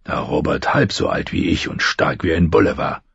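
A gruff old commander barks his orders in a low growl, as a male audiobook reader puts him on. The voice is deep and husky. The recording is dry and a little dull. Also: normal speed, a bit bright, no room sound, full character voice. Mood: grave. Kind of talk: audiobook reading.

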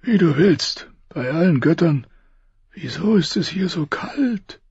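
A man voicing a dying, wounded king who speaks in a strained, pained way with loud outbursts. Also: on the high side, animated, takes it slowly, creaky, breathy edge, dry recording, lo-fi sound, voice pushed up, exaggerated voice. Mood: weak, pained. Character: dying wounded male king, gruff and bitter. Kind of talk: audiobook character voice.

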